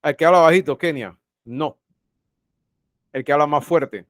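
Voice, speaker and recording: A man's voice: a little high, measured pace, no room sound, clean studio sound. A man teaching an online class over a video call, who often repeats his phrases and puts questions straight to his students. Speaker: university teacher.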